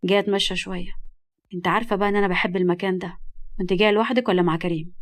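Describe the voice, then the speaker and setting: A woman with an Egyptian accent voicing a gentle, protective young male cousin. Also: mid-range voice, fairly even intonation, very fast, lightly acted. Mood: caring. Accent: Egyptian Arabic.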